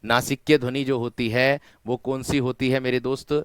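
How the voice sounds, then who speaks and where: With a clear, resonant, medium-pitched voice and a level tone, a man teaches an online exam-prep course in a dry recording. He leans on repetition, dragging out key words, and often calls his students friends.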